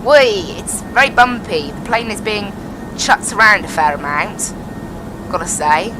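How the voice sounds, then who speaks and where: Woman sim pilot chatting into a cockpit headset, explains as she goes, steady noise behind. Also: mid-range voice, measured pace. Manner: chatty, explains as she flies, repeats "I have to be honest". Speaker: flight sim pilot and streamer. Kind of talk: casual live-stream commentary over a cockpit headset.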